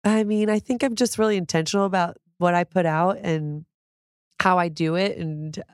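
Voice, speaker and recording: A woman's voice: on the low side, fairly even intonation, normal speed, a little mellow, no room sound, studio quality. A woman in her thirties, a cookbook author, chatting casually as an interview guest, upbeat and sprinkling her talk with "like". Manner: chatty and upbeat, heavy use of "like".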